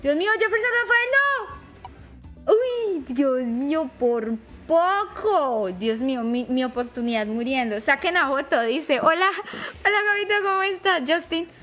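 A woman streaming live to her chat, commentary full of excitable, nervous exclamations. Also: high-pitched, measured pace, soft background music.

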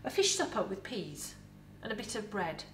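Dressed in costume, this middle-aged museum educator with an English accent gives an animated, talkative piece to camera on food, props in hand, inside a set. She speaks at medium pitch and moderate pace over a little hiss or hum, her voice distant in an echoing room.

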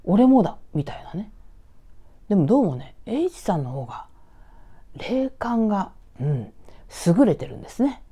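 A woman from Tokyo telling a ghost story in a hushed, dramatic way, sinking into whispers and voicing the eerie sounds herself. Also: medium pitch, big pitch swings, normal speed, long pauses, husky. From Tokyo, Japan. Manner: hushed, dramatic, dropping to whispers at tense moments; sound effects voiced aloud. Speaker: ghost story author and narrator.

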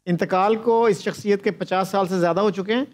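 A man's voice: sits high, steady tone, fairly quick. An older man on a TV quiz panel, thinking aloud over clues and slipping English phrases into his talk. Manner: thoughtful, mixes in English phrases. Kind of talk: TV quiz banter. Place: TV studio set, indoors.

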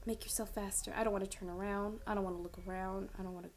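A woman's voice: mid-range voice, steady tone, quick pace, darkish tone. A woman hosting a let's-play of a horror game, chatting and scolding her character aloud, sometimes dropping to a whisper. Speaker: gaming channel host.

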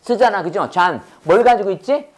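Animated and high-voiced, speaking at a moderate pace, a man teaches English to a class. He pronounces words with exaggeration and drills everyone through a steady stream of call-and-response questions.

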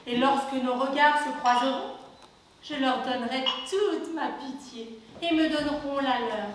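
A cheeky would-be countess. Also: female voice, high-pitched, unhurried. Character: cheeky young woman posing as a countess. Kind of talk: film acting. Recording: echoey, distant film sound, faint noise.

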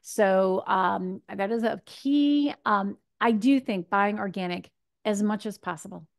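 A woman's voice: mid-range voice, a little slow, creaky. Chatty woman nutrition speaker on video call. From Michigan. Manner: chatty and animated, gesturing, acts out her own thoughts. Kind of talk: casual Q&A over video call. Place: home kitchen. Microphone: video call webcam.

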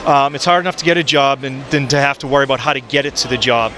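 A man in his forties giving an upbeat sales pitch for his product on a handheld mic, with frequent ums, in a busy expo hall. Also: steady tone, fast, pushed and bright. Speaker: photo booth maker. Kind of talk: trade show product pitch. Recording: noisy trade show floor.

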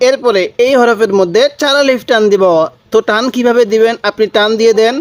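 A man teaching Quran reading, drawing out each letter slowly and prompting his viewers to answer. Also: extremely high pitch. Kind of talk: Quran recitation lesson.

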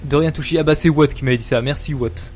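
A man streams a horror game live into a home microphone, chatting casually in a slightly high voice. He is excitable and jumpy, cursing and laughing at every scare. Faint game music plays underneath. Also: fast talker. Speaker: streamer playing horror games.

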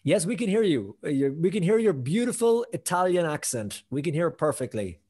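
A man's voice: fairly high pitch, very animated, a little fast, warm tone, breathy edge. A man hosting a live virtual conference as moderator, chatty and upbeat with light jokes between speakers.

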